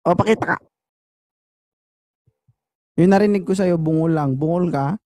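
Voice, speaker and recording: A man, bantering loudly with his wife and playfully pretending to mishear her. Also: sits high, a little slow. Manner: loud, teasing, keeps mishearing on purpose. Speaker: husband. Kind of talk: casual bickering banter. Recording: noisy, from far across the room.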